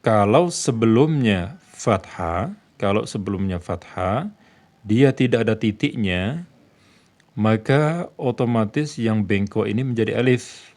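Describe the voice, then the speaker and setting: A man's voice: lowish voice, expressive, measured pace, pauses often, darkish tone. A man teaching a tajwid lesson, patiently repeating each point and posing and answering his own questions. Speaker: Quran recitation teacher.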